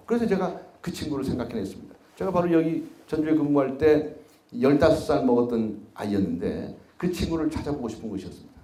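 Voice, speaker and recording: A man's voice: a little high, warm tone. A man, a former prosecutor, giving a public lecture to an audience. He tells stories and puts rhetorical questions to the listeners. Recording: roomy hall echo.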